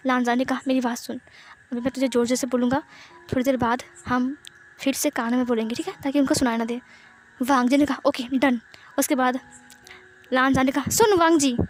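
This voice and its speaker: High-pitched woman casually telling a story. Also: level tone, brisk, pauses often. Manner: voices all characters herself, with fillers and restarts. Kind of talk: casual narration of fan fiction.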